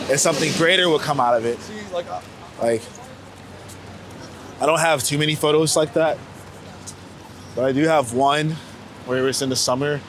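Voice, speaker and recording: Strolling along a New York City street, a street photographer in his late twenties is being interviewed and talks in a casual, reflective, rambling way full of slang. His voice sits at a medium pitch. Faint traffic and urban ambience come through the outdoor street noise.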